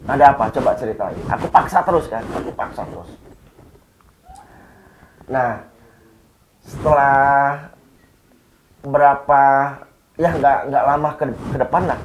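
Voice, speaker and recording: A man's voice: medium pitch, slow, pauses often, a little hiss or hum, poor audio. Man retelling an eerie story casually. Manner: conversational, acts out quoted dialogue with a friend. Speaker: storyteller guest. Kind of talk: casual retelling of a ghost experience.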